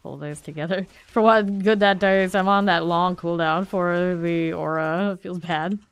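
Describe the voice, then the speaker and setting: In a lowish, steady voice that runs a little slow, a woman streaming a game mutters casually to herself, weighing options and second-guessing aloud. A cold leaves her congested and sniffly. Her tone is clean, with no echo.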